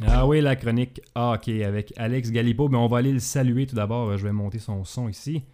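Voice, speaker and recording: A man's voice: mid-range voice, steady tone, fairly quick, warm tone, slight background noise. A man with a Québécois accent hosting a casual talk show, hesitant and full of filler sounds. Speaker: podcast host. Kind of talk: casual chat.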